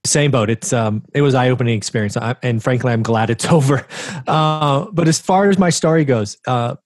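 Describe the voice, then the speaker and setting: A man in his forties talks through his own story as an interview guest, mid-pitched and conversational. He keeps tossing rhetorical checks to the listener, and the sound is dry and close. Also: normal speed, no room sound. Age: 40s. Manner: conversational, asks rhetorical "right?". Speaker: interview guest, real estate investor.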